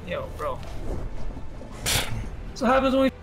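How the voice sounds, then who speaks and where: A gaming streamer talks to his teammates during live gameplay in profane, slangy speech. His voice is extremely high, swinging widely in pitch, and he speaks slowly. Loud music plays under his voice.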